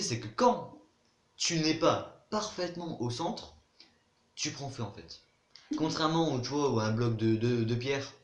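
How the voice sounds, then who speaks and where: A relaxed man of middle pitch chatting his way through a video game, pausing to explain how things work. He sounds a bit roomy, with faint mouse clicks behind him. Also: slight background noise. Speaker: gaming YouTuber. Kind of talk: casual gameplay commentary.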